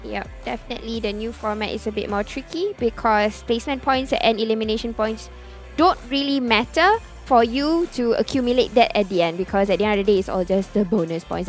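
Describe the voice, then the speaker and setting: A woman's voice: medium pitch, a little fast, faint music behind. A woman co-casting an esports league, agreeable and hedging, with frequent fillers. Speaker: esports caster. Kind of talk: esports desk analysis.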